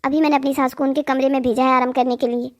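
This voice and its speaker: A woman's voice: sits high, flat delivery, fast talker, lightly acted. A voice actor playing a polite, nervous young bride in a cartoon story, eager to appease her mother-in-law. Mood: anxious. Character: timid dutiful young bride.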